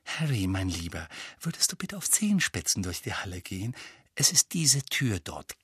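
A kindly, motherly witch in an audiobook, voiced by the male reader in a low, hushed tone. She coaxes gently and quietly. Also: big pitch swings, moderate pace, slightly rough, no echo, studio quality, heavily acted. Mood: gentle. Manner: soft whispered coaxing.

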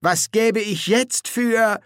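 A man's voice: high-pitched, slow pace, a bit bright, smooth, no echo, studio quality, pitched above the performer's own voice. A man voicing a scruffy, timid army corporal in an audiobook, with a whiny, grumbling voice. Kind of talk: audiobook character voice.

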